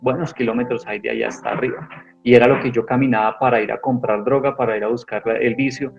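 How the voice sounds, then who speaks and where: A man's voice: mid-range voice, steady tone, fast talker, vocal fry. A man giving an earnest personal testimony in an interview, rambling with many restarts. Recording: dull lo-fi sound with faint music.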